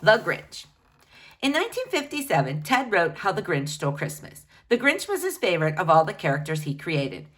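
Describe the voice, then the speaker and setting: A woman with a lowish, fairly bright voice reads a children's biography aloud at a moderate pace, with huge swings in pitch. She addresses the children in a teacherly way and uses pointed emphasis.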